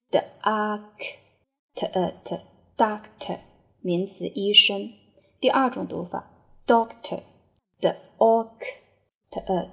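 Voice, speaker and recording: A woman runs a vocabulary spelling and dictation drill, spelling each word out and repeating it before giving its meaning. She speaks extremely slowly. Her voice has a gravelly, creaky edge. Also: mid-range voice. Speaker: English teacher.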